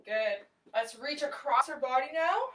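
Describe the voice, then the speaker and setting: A woman's voice: high voice, lively intonation, a little slow. A young woman leading a home workout class, cueing exercises and counting reps with encouragement as she moves. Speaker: fitness instructor. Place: small room at home, indoors. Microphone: far camera across the room. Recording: roomy echo, distant camera mic.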